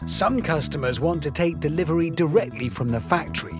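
A man narrating a documentary voice-over in a wry, lively way. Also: on the high side, fairly quick, music in the background.

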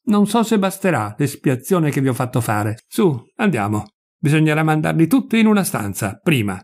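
A man's voice: a little high, sing-song, moderate pace, darkish tone. A man doing a fervent pious vagabond. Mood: urging. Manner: emotional, pleading then furious outbursts.

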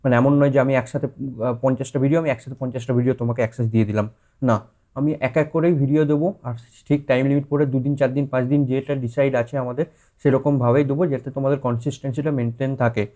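A man's voice: mid-range voice, fairly even intonation, fast talker, warm tone. A male teacher speaking Bengali-accented English loanwords in a casual explanatory talk, rephrasing often and checking in with his students. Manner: conversational, many fillers and rephrasings, checks in with students. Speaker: teacher introducing a course.

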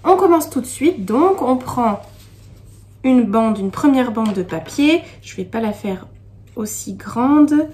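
A kindergarten teacher speaking to young children in a slow, sing-song way, stressing each syllable and reading a poem gently. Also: female voice, fairly high pitch, animated. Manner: reads the poem slowly and gently.

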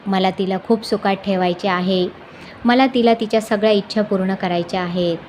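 A grateful young husband who talks earnestly, as a woman storyteller puts him on. The voice stays at an ordinary middle pitch, with a faint hiss behind it. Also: fairly even intonation, normal speed, darkish tone, natural voice.

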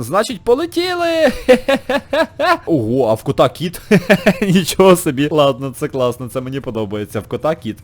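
Excitable man with a lively, high voice. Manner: excitable, chatty, laughs often, yelps in high squeals. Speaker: gaming channel host. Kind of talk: let's-play commentary.

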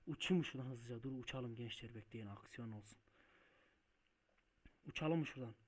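Excitable man playing a truck game. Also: mid-range voice, a little fast. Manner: excitable, swears and shouts at mishaps; muttering to himself while driving. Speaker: gaming video host. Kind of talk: Let's Play commentary.

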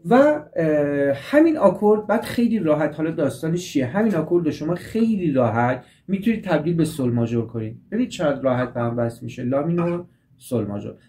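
Guy teaching guitar chords, kinda high mellow voice, goes over stuff twice, faint guitar under it. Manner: patient, repeats and restates steps. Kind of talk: guitar lesson. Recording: guitar playing behind the voice.

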